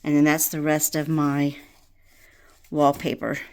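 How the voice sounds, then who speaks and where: Chatty woman with a lowish voice. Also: monotone, a little slow, heavy background noise. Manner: chatty, filler-heavy, encouraging. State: slightly winded. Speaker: vlogger. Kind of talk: casual home vlog walkthrough. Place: home bedroom, indoors.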